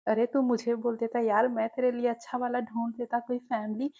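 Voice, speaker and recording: A woman voicing a young male neighbor who teases loudly and boisterously. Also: a little high, flat delivery, brisk, muffled recording. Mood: mocking. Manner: teasing, boisterous, laughing.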